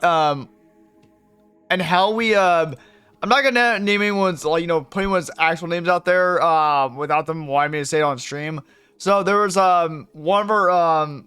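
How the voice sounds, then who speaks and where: A young man with a high, smooth, clear voice chats with viewers during a live game stream. He rambles, swears without a second thought and breaks into laughter easily. The sound is dry and close, with faint music under him. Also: fairly bright tone, no echo. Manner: rambling, curses freely, laughs often.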